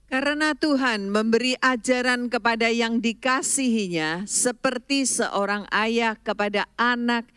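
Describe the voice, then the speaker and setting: A voice reading Bible verses aloud in a slow, measured recitation during a sermon. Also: medium pitch, bright, forceful tone, clean tone, no room sound, studio quality. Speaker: scripture reader.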